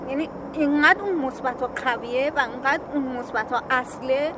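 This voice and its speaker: A woman's voice: sits high, background noise. A woman, the host's wife, speaking earnestly in casual chat. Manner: earnest, praising. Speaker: wife of the host.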